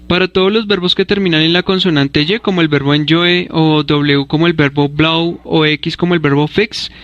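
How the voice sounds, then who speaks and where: A man narrating a scripted English grammar lesson, explaining rules clearly and spelling out letters one by one. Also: on the high side, fairly bright tone, no room sound, highs cut off. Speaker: English teacher.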